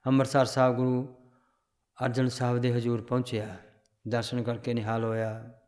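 A man teaching a religious class, calmly explaining scripture and its history. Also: medium pitch. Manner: recites verses slowly in a chanting tune, then explains calmly.

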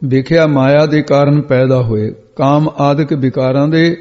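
Male preacher, dark mellow voice, word-by-word scripture sermon, lo-fi hall recording. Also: fairly high pitch, steady tone, unhurried. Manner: glosses each word, repeats phrases, corrects pronunciation. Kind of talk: line-by-line scripture exposition sermon. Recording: dull lo-fi sound with long hall reverb.

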